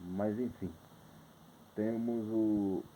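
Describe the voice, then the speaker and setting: A man's voice: lowish voice, fairly even intonation, drawn-out words, muffled recording, a little hiss or hum. Hesitant Brazilian man reviewing a film. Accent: Brazilian Portuguese. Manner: rambling, hesitant, many restarts. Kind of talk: casual spoken film review.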